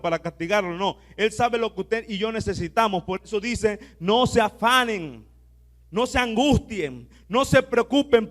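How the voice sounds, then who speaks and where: A man with a very high voice preaches a sermon as pastor. He leads his congregation in call-and-response, has them repeat phrases aloud, and moves between quiet asides and loud proclamations. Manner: shifts between soft asides and loud declarations.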